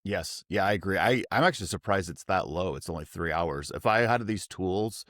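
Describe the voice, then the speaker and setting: Low-voiced man, earnest podcast co-host. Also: animated, moderate pace, a bit bright, no echo, studio quality. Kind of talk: casual business podcast chat.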